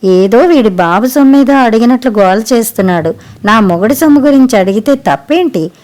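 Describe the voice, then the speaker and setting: A woman's voice: fairly high pitch, animated, a little fast, a little mellow, close to an everyday voice. Woman voicing a shrewish cursing mother. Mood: ranting. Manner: harsh scolding. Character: shrewish middle-aged mother, loud and cursing.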